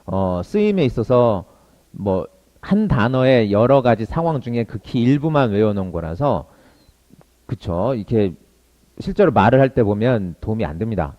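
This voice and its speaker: A man teaching English to Korean learners in an online lesson, drilling phrases briskly and slowing down for model sentences. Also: fairly low pitch, very animated, warm tone, lo-fi sound.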